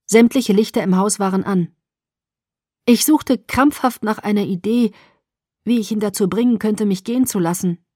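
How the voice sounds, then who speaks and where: Woman, audiobook narrator, first-person narration, expressive, mid pitch, dry close recording. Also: moderate pace, no echo.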